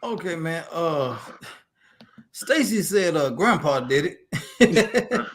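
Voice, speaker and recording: Male co-host for wrestling chat: high, swooping voice, folksy, exclamatory. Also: sing-song, slow, fairly bright tone. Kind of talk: casual sports chat.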